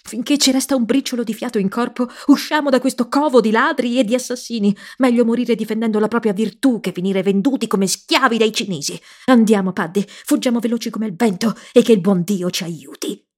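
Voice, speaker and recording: A woman's voice: on the high side, fairly quick, few pauses, close to an everyday voice. A woman voicing an anxious, melodramatic old nanny who prays and pleads fervently. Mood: defiant. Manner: fervent, fearful, pleading then defiant.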